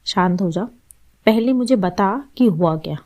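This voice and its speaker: A woman voicing a calm, caring aunt who gently reassures and advises, in a storybook reading. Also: medium pitch, a little slow, close to an everyday voice. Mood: gentle.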